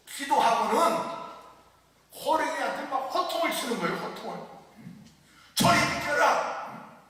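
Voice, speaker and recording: A man preaching a sermon as pastor, telling a story in an animated way and repeating key phrases for emphasis. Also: high voice. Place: church sanctuary. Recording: echoey church hall, mic at a distance.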